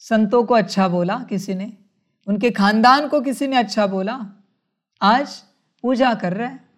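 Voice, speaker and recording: A woman giving a spiritual sermon, speaking in a measured way, calling her listeners children and asking rhetorical questions. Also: fairly high pitch. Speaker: spiritual teacher.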